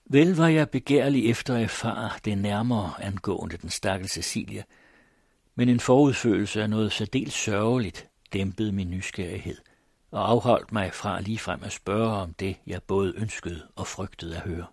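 A man with a low, husky voice reads a classic story in measured, solemn tones. The recording is close and dry, with no room sound. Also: a little mellow, dry recording. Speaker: audiobook narrator. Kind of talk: scripted literary narration.

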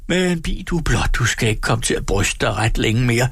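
A man's voice: steady tone, vocal fry, fairly bright tone, breathy edge, no room sound, clean studio sound. A man reading aloud and voicing a desperate, ranting poor peasant man who shrieks and curses. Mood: frantic. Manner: shrill, pleading and cursing. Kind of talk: dramatic reading.

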